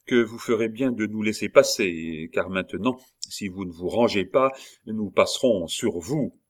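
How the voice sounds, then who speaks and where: A man's voice: on the low side, unhurried. A man doing a defiant young swordsman. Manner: defiant, commanding.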